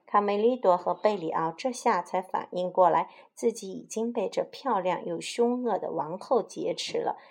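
A woman reading a children's picture-book story aloud in a lively, expressive way. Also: fairly low pitch, normal speed, gravelly, few pauses.

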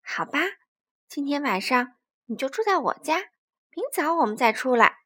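A bright, high little hedgehog voice, kind and brave, always eager to help a friend, as a woman puts it on. It leaps far up and down with each line, cheerful and ready for anything, straight out of a storybook. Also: big pitch swings, normal speed, dry recording, heavily acted.

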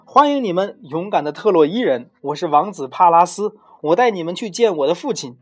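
A man's voice: sits high, animated, a little fast, faint music behind, pitched above the performer's own voice. A man voicing an eager young prince, talking in a thrilled, breathless rush.

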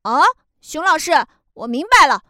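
A woman voicing an eager, muddled chameleon student in a bright, childlike voice. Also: sits high, expressive, normal speed, no echo, studio quality, voice pushed up.

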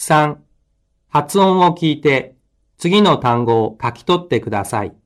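A man reading numbered instructions for a language listening course, slow and deliberate. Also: fairly high pitch, expressive.

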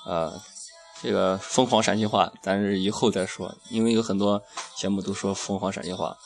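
A low-voiced man hosts a casual radio chat. He talks irreverently, with crude slang. Music plays softly behind him. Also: fairly even intonation, moderate pace, vocal fry. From Shaanxi, China. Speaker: radio show host. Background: background music.

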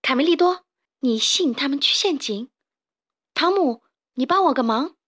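Storybook heroine: a woman playing a bright girl chick, high and level-headed. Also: lively intonation, moderate pace. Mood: calm. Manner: thoughtful, commanding. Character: clever young girl chick, calm leader.

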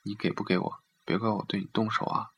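A man's voice: on the low side, little pitch movement, fast talker, slightly rough. A man voicing a married man who coaxes and pleads with his lover, then turns threatening. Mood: tense. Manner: coaxing, pleading.

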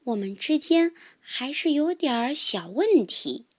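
A woman telling a children's story in the first person, with expressive sighs. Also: high-pitched, a little slow.

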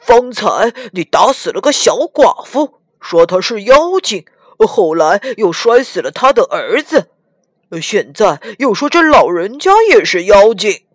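Woman doing a grumbling pig-demon disciple, loud and indignant, storybook voice, dry sound. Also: mid-range voice, very animated, unhurried, dry recording. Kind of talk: children's storybook reading.

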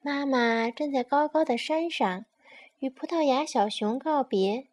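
A woman reading a bedtime story aloud to a child in a slow, gentle manner. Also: high-pitched.

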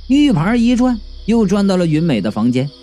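Guy reading a funny audiobook, super swoopy lively pitch, mellow chatty voice. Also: moderate pace, soft background music. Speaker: audiobook narrator. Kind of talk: first-person comic audiobook narration.

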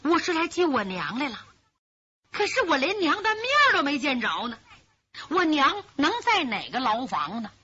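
A woman storyteller voicing a young male sword hero thinking aloud, anxious and searching. Her tone stays high and bright. The recording is dull and lo-fi. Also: very animated, normal speed, exaggerated voice. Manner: musing to himself. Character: young male swordsman hero, worried about his mother.

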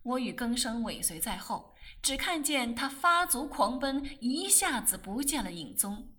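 A woman reading a novel aloud in expressive, animated storytelling narration. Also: fairly high pitch, a little slow, slightly rough. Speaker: audiobook reader.

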